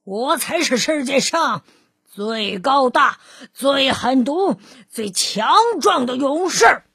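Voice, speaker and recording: A roaring storybook giant, huge and mean, bragging at the top of his lungs, as a woman puts him on. The voice is gravelly and raspy, drawn out very slowly. The sound is close and dry. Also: sits high, expressive, dry recording, heavily acted. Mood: roaring boast. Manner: roaring, bragging, shouted threats. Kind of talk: storybook read-aloud.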